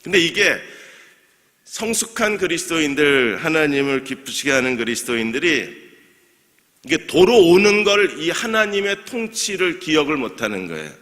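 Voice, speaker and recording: A man's voice: fairly high pitch, very animated, normal speed, a bit bright. A male pastor preaching a midweek sermon, asking his congregation questions, answering them himself, and joking lightly with them. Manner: jokes lightly and laughs with the congregation. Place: church sanctuary. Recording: long church hall reverb.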